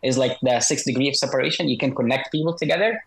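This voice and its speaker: A man speaking through an electronic voice disguise as a guest author in a video-call interview, measured and hesitant with frequent fillers. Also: medium pitch, vocal fry, rough recording. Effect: voice electronically altered to disguise identity. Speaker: guest author, former special operations soldier.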